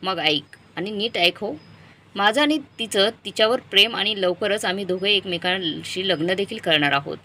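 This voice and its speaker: A woman voicing an angry, scornful middle-aged husband who shouts at his wife and daughter. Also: medium pitch, normal speed.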